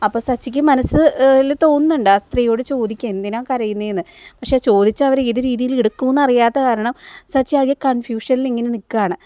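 A woman's voice: on the high side, fast talker, warm tone, no room sound. A woman recapping a TV serial in a chatty storytelling way, dropping frequent tag fillers.

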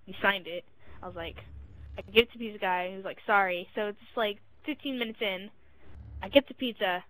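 A woman's voice: medium pitch, sharp tone, no room sound, low-quality recording. A young woman telling a rambling, chatty story to friends in a casual gaming chat. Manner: rambling, chatty, frequent "freaking". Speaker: gamer in party chat.

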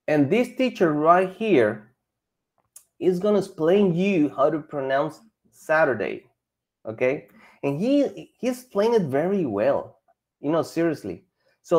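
Lively bilingual teacher. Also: male voice, on the high side. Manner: lively, mixes Spanish and English, coaxing students. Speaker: English teacher. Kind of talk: online class for children.

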